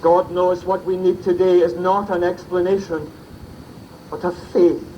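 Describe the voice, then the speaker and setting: Slow-preaching minister on hissy cassette tape. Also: male voice, high voice, flat delivery, lo-fi sound. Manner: slow, grave and solemn, with emphatic pauses. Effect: faint tape hiss of an old cassette recording. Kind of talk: sermon at a memorial service.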